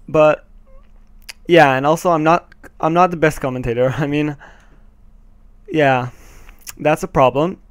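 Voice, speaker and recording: This teenage gaming host from Israel, Hebrew-speaking by birth and Israeli-accented, narrates gameplay on a headset with hesitant ums and nervous laughs, cursing at in-game mishaps. His voice is fairly high, clear, and resonant, fairly even in intonation, at a measured pace with long pauses, in a dry recording.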